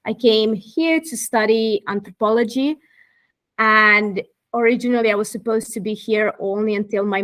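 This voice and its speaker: This is a woman in her thirties from Croatia, a fashion activist appearing as an interview guest. She speaks in a mid-range, slightly bright voice, thoughtful and articulate in conversation.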